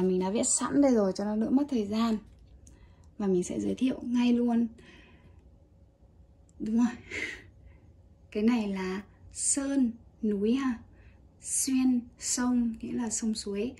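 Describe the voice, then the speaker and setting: A woman teaching a casual Japanese kanji lesson, chatty and relaxed with small laughs. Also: medium pitch, slightly rough.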